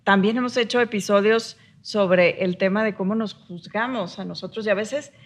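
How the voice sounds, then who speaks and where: A woman's voice: mid-range voice, normal speed. A woman co-hosting a podcast, explaining ideas reflectively and ending points with rhetorical tags. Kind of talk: casual podcast conversation.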